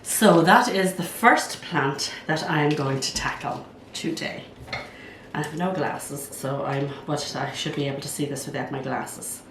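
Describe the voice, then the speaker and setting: Hosting a casual plant vlog indoors at home, an older woman speaks a little slowly in a low, croaky voice made hoarse by a cold. She's chatty and enthusiastic, musing aloud while working, and she's heard from a distance in a roomy, echoey space with faint hiss.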